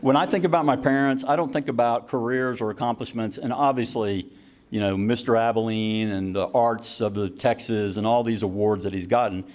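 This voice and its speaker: A middle-aged man speaks into a mic at a party, telling stories about his parents in an easy, chatty way. His pitch sits in the middle of a man's range. He drifts into little asides and chuckles as he goes. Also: fairly even intonation, a little fast. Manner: warm storytelling with laughs and asides. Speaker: son giving a tribute speech. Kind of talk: anniversary party speech. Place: party hall with a crowd.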